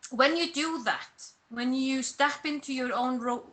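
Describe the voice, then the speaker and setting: In an interview, an Icelandic woman who works as a personal branding coach thinks aloud, stopping and starting over partway through her thoughts. She speaks natively in Icelandic, and her voice sits high and a bit bright.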